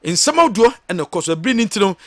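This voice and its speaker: A man's voice: sits high, sing-song, fast, no room sound, studio quality. A middle-aged man with a Ghanaian accent, presenting sports news and sponsor announcements emphatically as a live show host. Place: small TV and radio studio. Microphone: close studio microphone on a stand.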